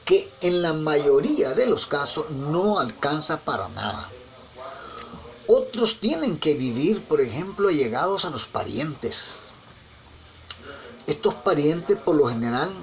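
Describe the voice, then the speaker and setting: A man preaching a conversational sermon, telling anecdotes with frequent tag questions and repeated words. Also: a little high. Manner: repeats and restarts words often. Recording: slightly dull lo-fi with faint ambience.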